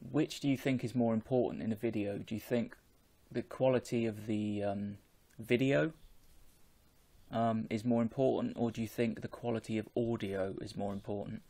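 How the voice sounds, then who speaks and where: A man, talking in a measured, explanatory way as a vlogger chatting casually on an earphone microphone at home. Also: lowish voice, steady tone, dark tone. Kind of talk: casual chat to camera. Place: small home room with bookshelves.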